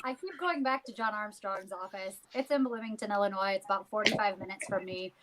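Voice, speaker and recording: A woman's voice: mid-range voice, fairly quick, crowd noise, low-quality recording. A chatty American woman co-hosting a casual video call chat about local marketing. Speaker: co-host of a realtor marketing group.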